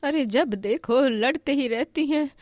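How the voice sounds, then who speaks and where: A woman's voice: sits high, unhurried, darkish tone, dry recording, pitched above the performer's own voice. A woman as a weary middle-aged mother-in-law. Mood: weary placating. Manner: weary, placating.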